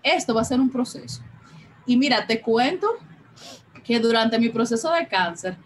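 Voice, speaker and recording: Woman telling her story, animated, voices everyone in it, kinda high, faint noise behind. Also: normal speed, low-quality recording. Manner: animated, acts out quoted dialogue. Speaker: interview guest. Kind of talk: personal storytelling.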